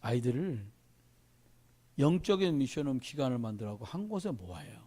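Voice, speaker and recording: A man's voice: medium pitch, big pitch swings, normal speed, warm tone. A middle-aged male pastor preaching a sermon to his congregation in a church, talking animatedly and addressing them directly.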